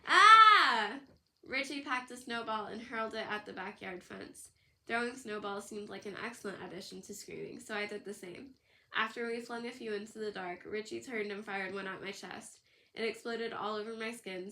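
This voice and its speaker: Woman audiobook narrator, bright tone, steady storytelling read. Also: mid-range voice, a little fast. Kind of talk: scripted narration.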